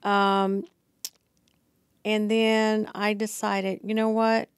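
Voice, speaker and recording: Slow-talking middle-aged woman, studio mic. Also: medium pitch, little pitch movement, clean tone, no echo. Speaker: district receptionist, guest. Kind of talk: casual interview. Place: small studio with plants. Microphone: podcast mic on boom arm.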